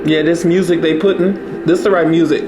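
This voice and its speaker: A man's voice: a little high, steady tone, moderate pace, low-quality recording. A man with a New Orleans accent giving casual, blunt reaction commentary in colloquial, disbelieving exclamations. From New Orleans, United States. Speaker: reaction video host. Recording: music playing behind the voice.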